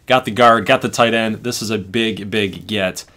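A man co-hosting a casual chat about a football video game, excitable and quick to cheer or groan. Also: on the low side. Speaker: co-host. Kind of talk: casual gaming commentary.

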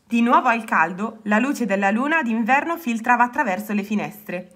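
Woman, children's story reader, expressive, bright, fairly high. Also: normal speed. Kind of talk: reading a children's story aloud.

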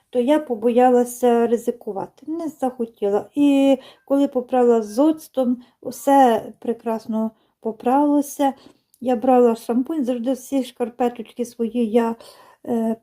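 A woman vlogging about her knitting at home, chatting to viewers in an unhurried way with many fillers and restarts. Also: on the high side, warm tone. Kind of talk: casual chat to viewers. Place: home, indoors by a window.

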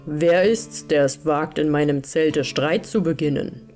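A woman's voice: measured pace, darkish tone, faint music behind. A woman playing the Strong One, a wrathful robber chief. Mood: stern. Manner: wrathful, booming commands. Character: stern, commanding robber chief, grown man.

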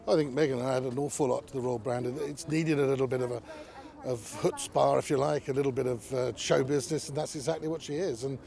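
Creaky, mellow-voiced male commentator. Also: medium pitch, fairly even intonation, fast. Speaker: royal commentator. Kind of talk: conversational interview commentary.

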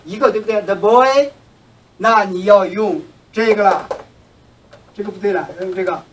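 Teacher, recorded lesson, patient, slow repetition of examples, mid pitch, a bit far from the mic. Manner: patient, repeats words and example sentences slowly. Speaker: English teacher.

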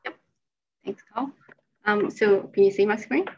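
A woman's voice: mid-range voice, a little slow, gravelly, darkish tone, muffled recording, slight background noise. A woman research associate giving a slide presentation over a remote screen-share call, explaining her work step by step.

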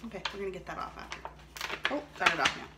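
Her voice sits on the low side, animated and rapid-fire, as this woman in her thirties demonstrates cooking and reviews a product in her home kitchen for a vlog, chatting and thinking aloud. The camera is an arm's length away, picking up clattering dishes, clicks and room noise.

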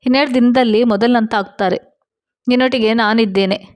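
A woman reading the lines of a young husband gently comforting his wife in a story. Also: fairly high pitch, fairly even intonation, a little fast, lightly acted.

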